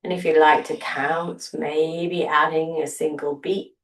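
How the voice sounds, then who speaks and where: Woman, low voice, breathwork teacher, calm and unhurried, a little off-mic. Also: roomy sound, distant mic, low-quality recording. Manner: soft, slow, soothing guidance with long pauses. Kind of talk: guided breathing meditation.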